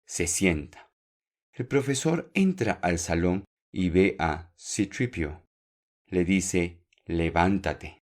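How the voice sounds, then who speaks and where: Man, podcast Spanish teacher, deep voice, unhurried, clear and encouraging with learners. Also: lively intonation, a little mellow. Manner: slow, clear, repeats words for learners. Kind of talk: podcast language lesson.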